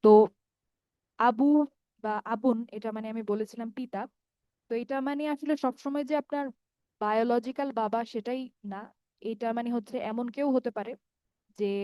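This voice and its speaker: A woman's voice: a little high, darkish tone, clean tone, dry recording. Patient woman teaching Arabic grammar. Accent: Bangladeshi Bengali. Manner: patient, explains step by step, often checks with "ঠিক আছে?"; repeats word forms slowly and draws out long vowels. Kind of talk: online grammar lesson.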